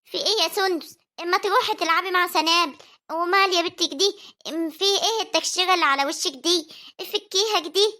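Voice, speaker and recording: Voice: extremely high pitch, quick pace, pushed and bright. A performer voicing a worried village mother with an Egyptian accent, scolding and then coaxing her young daughters. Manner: scolding yet tender, coaxing. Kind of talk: homemade family drama voice acting.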